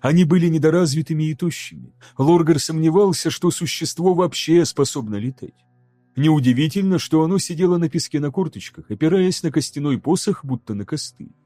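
Чтец-мужчина, мягкий тёмный тембр, размеренное драматичное чтение, тихая музыка фоном. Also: male voice, a little high, mellow, no echo, faint music behind. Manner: measured, dramatic reading. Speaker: audiobook narrator. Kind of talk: scripted narration.

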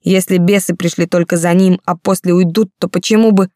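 A hot-headed young male fighter presses his questions in an agitated voice, as a woman narrator reads him. The voice sits low and warm. The recording is close and dry. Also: steady tone, brisk, no room sound, natural voice. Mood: pressing.

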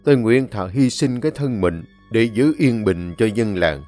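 A man's voice: fairly low pitch, animated, moderate pace, warm tone, soft background music, close to an everyday voice. A man voicing a stern old clan elder. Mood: grim, determined. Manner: firm, commanding, stern.

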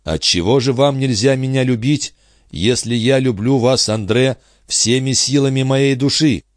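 A man's voice: mid-range voice, measured pace, dry recording, clean studio sound, pitched above the performer's own voice, natural voice. A man voicing an ardent young nobleman who pleads earnestly and tenderly.

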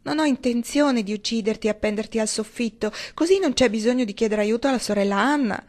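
A woman's voice: a little high, quick pace, darkish tone, voice pushed up, close to an everyday voice. A woman reading an audiobook voices an earnest young husband who pleads and explains with urgency, keeping close to her own voice. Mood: explaining.

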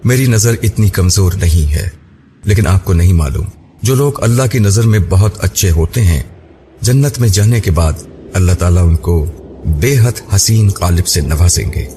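Young bride, tender and pleading, read by a deep-voiced man; noisy track. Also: expressive, warm tone. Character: young woman, tearful and devoted new bride. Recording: noisy background hiss.

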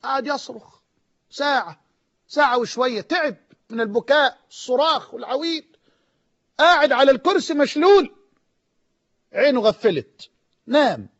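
A man with an Egyptian accent preaching an emotional sermon, swinging from near-shouts to low, hushed lines. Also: animated, moderate pace, long pauses. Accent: Egyptian Arabic. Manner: impassioned, rising to near-shouts and dropping low. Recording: dull lo-fi audio.

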